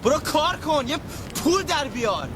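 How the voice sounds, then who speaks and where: A man's voice: extremely high pitch, sing-song, noisy background. A man voicing a tired, stressed businessman in a suit who wants to be left alone, outdoors on a street. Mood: exasperated. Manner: weary, exasperated.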